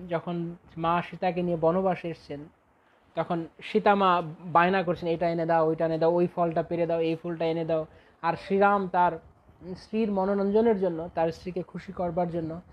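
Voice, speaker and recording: A man preaching a devotional discourse, telling sacred stories unhurriedly and breaking into slow sung chant refrains. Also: sits high, highs cut off. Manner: unhurried storytelling with dramatic quoted cries.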